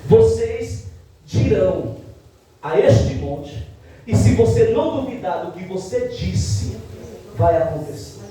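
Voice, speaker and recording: Guy preaching, really high mellow voice, big echoey church. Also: animated, distant mic. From Ceará, Brazil. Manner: testimony preaching, acts out dialogue, dramatic slowdowns. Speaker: pastor. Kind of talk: sermon. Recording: echoey church hall, mic from afar.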